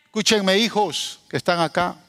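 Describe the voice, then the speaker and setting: Male pastor, high and very animated pitch, dramatic loud-soft preaching, church hall with a long reverb tail. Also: moderate pace. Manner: animated preaching, swinging from hushed asides to raised cries. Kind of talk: sermon.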